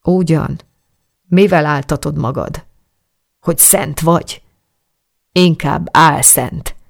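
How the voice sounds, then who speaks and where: A reader plays a man in love who feels toyed with. His lines come out irritated and reproachful. The gravelly, husky tone stays close to the narration. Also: medium pitch. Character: angry, jilted man lover. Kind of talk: audiobook dialogue.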